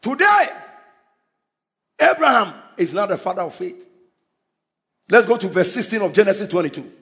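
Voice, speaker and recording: A male preacher delivering an emphatic sermon, often shouting and repeating his points. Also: high-pitched, very animated, moderate pace.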